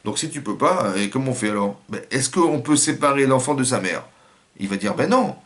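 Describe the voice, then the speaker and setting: A man's voice: medium pitch, lively intonation, a little fast, fairly bright tone. A man with a French accent giving a religious lesson as a rabbi, acting out little scenes and quotes in changing voices.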